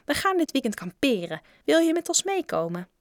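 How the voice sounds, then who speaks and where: A woman's voice: sits high, very animated, brisk, dry recording, clean studio sound, voice pushed up. A woman voicing a pair of greedy schoolboy bullies who wheedle and threaten in a storybook reading. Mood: wheedling. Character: twin schoolyard bullies, boys, sly and greedy.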